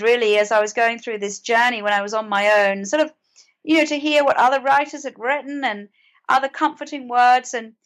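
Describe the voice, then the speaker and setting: Her voice is high and a bit bright. She's a British woman from the United Kingdom, an author and mental health advocate guesting on a podcast, talking earnestly and conversationally and often repeating words as she goes.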